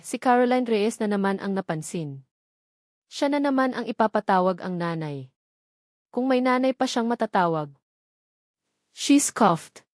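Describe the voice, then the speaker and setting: Speaking in a slightly mellow, medium-pitched voice, a Filipino-accented woman delivers an emotive narration of a scripted dramatic tale. There's no room sound, just clean studio audio.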